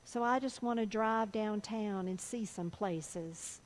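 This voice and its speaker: A woman preacher voicing a frail, dying elderly woman who speaks slowly and softly. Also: mid-range voice, a little hiss or hum, lightly acted, rough recording. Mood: wistful.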